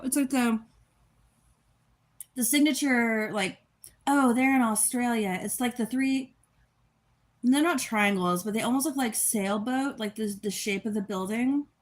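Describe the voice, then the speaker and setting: A young woman from Texas, just out of bed, chats on a livestream while eating. She rambles from one thought to the next and laughs often. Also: a little high. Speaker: livestream host. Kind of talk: casual livestream chat.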